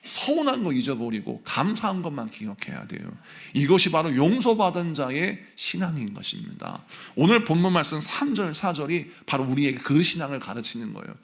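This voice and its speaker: A male senior pastor delivers a sermon in a church sanctuary. His voice has a gravelly edge, and his pitch swings widely as he preaches. He drives his points home with repeated rhetorical questions to the people in front of him. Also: big pitch swings, fairly quick, few pauses. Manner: emphatic preaching with frequent rhetorical questions to the congregation.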